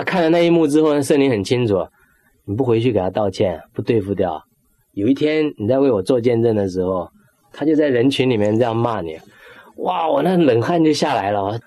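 A man's voice: mid-range voice, animated, fairly quick, warm tone, no echo. A middle-aged man giving an emotional personal faith testimony, acting out his own prayers and dropping in English words. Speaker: testimony speaker.

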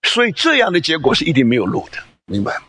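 Husky, lively-voiced male preacher. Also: fairly high pitch, fast talker, no room sound. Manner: emphatic, asks the listeners rhetorical questions. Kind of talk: sermon with scripture reading.

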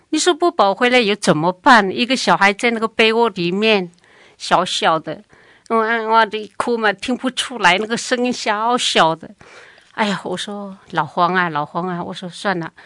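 A woman's voice: medium pitch, no room sound. Older woman telling a family story. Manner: lively, acts out other people's speech. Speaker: interviewee recounting family history. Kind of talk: oral history storytelling.

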